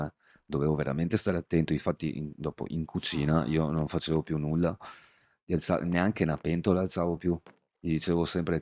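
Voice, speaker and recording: A man's voice: very deep voice, darkish tone. A young man chatting casually to his viewers while streaming a game, rambling through personal anecdotes. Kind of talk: casual live-stream chat while gaming.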